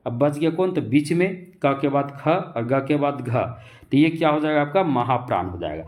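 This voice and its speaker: A man teaching an exam-prep grammar lesson, speaking slowly and repetitively, asking questions and answering them himself, and drawing out letter sounds as examples. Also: on the high side, darkish tone. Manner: slow and repetitive, keeps asking and answering his own questions; stretches out letter sounds when demonstrating.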